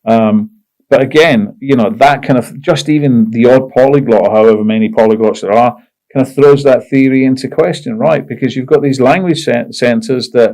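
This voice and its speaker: Male podcast host, mellow and gravelly, reflective and measured. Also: mid-range voice. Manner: measured, reflective, searching for words. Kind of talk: conversational podcast interview.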